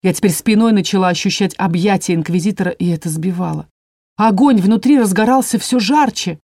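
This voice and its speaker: Mellow-voiced woman reading fiction. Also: medium pitch, brisk, no room sound, studio quality. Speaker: audiobook narrator. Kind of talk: first-person fantasy narration.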